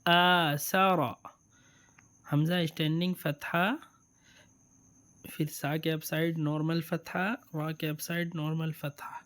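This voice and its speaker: Smooth-voiced man teaching letters slowly. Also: a little high, flat delivery. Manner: drawls letters and words slowly, then explains quickly; patient, repeats sounds for the learner. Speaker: Quran reading teacher. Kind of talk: step-by-step reading lesson.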